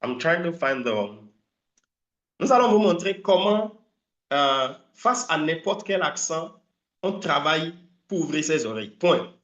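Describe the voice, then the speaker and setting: Male English coach, higher voice, lively and emphatic, often hunts for words; echoey room sound. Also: a little slow, lo-fi sound. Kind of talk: live online training talk.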